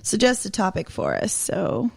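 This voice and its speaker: A woman's voice: mid-range voice, huge pitch swings, moderate pace, creaky, dry recording, studio quality. A woman co-hosting a podcast, chatting in a friendly way with many fillers. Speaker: podcast co-host. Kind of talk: casual podcast chat.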